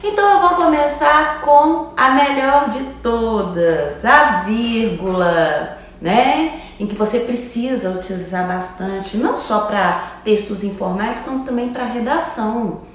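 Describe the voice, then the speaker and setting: A woman's voice: fairly high pitch, takes it slowly, distant mic, a little hiss or hum. Chatty woman teacher in an echoey room. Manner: chatty, asks "tá?" after almost every phrase. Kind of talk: online grammar lesson. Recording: echoey room, voice a bit off-mic.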